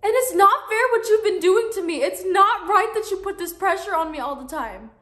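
A woman's voice: very high-pitched, a little slow, darkish tone. A teenage girl playing an anguished, defensive daughter in a dramatic monologue. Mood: indignant, upset. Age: young teenager, 14. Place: small plain indoor room. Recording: echoey room.

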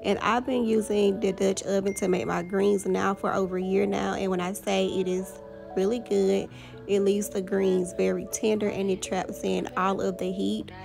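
A woman's voice: medium pitch, little pitch movement, normal speed, vocal fry, music in the background. A woman vlogger talking through her home cooking in a chatty, enthusiastic way. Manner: chatty, enthusiastic about ingredients. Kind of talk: casual cooking walkthrough. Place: home kitchen.

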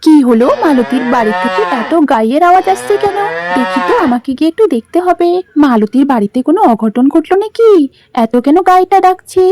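A woman voicing a kind, helpful neighbour woman who reassures briskly in a doll story. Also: high voice, very animated, a crowd in the background. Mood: caring.

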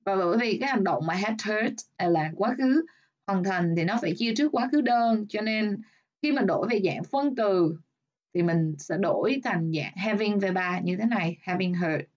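A woman teacher with a Vietnamese accent goes through English exam answers one by one. She reads the example sentences slowly and explains each step. Her voice sits at a middle pitch, and the recording sounds slightly dull. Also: animated. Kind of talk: exam review lesson.

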